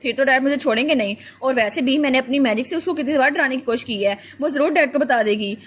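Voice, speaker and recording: A woman's voice: high voice, fast talker, fairly bright tone. Woman reading as a grumpy bully brother. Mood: grumbling. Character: grumpy boy brother, a bully who uses magic.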